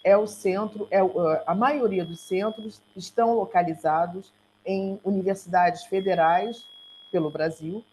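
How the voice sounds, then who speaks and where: This woman, a research centre coordinator with a Brazilian Portuguese accent, delivers a slide presentation online in a halting way, often fixing her own words. She speaks at medium pitch in a steady, darkish tone, and the call is noisy with a hum.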